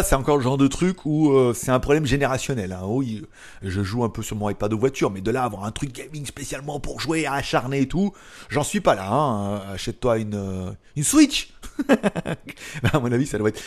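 Chatty sarcastic French tech vlogger man. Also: medium pitch. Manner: chatty, sarcastic asides, frequent fillers. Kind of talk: casual tech news chat. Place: lives in Thailand.

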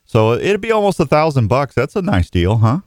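Very animated and fairly quick, a mid-range, darkish-toned man hosts an outdoors radio program, trading folksy jokes with callers in a casual live sports chat. He's in a radio studio on a close mic, and the studio-quality audio has no echo.

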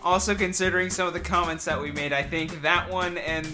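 A man's voice: sits high, fairly even intonation, fairly quick, music in the background. A man co-hosting a casual comedy podcast with an Oklahoma accent, laughing often and swearing freely as he talks. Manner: laughs a lot, swears casually, restarts sentences. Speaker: podcast co-host.

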